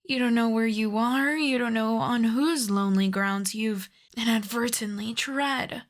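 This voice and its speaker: A woman playing an ancient aristocratic vampire countess in an ASMR roleplay, soft and breathy with whispers, speaking in a refined, coy, teasing way. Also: on the high side, a little slow, close to an everyday voice. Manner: refined, coy, formal old-fashioned phrasing. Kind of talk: ASMR roleplay, slow intimate scripted monologue.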